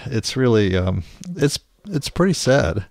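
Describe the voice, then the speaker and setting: A man's voice: mid-range voice, big pitch swings, measured pace, creaky, a little mellow, dry recording, clean studio sound. A man co-hosting a podcast in casual chat, reading book passages aloud and restarting his sentences often. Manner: hesitant, many restarts and fillers. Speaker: podcast co-host.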